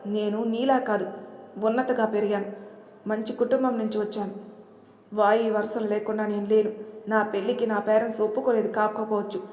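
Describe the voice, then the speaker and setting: A woman's voice: mid-range voice, flat delivery, moderate pace, a little mellow, close to an everyday voice. A woman voicing an anguished, righteous young married man in an audio story. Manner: emotional, pleading. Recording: echoey room with long reverb.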